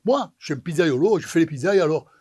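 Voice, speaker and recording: High-voiced man telling a tale. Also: fast talker, slightly rough. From Marseille, France. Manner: animated, acts out the dialogue of the people in his story. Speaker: pizza maker telling his story. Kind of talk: comic storytelling.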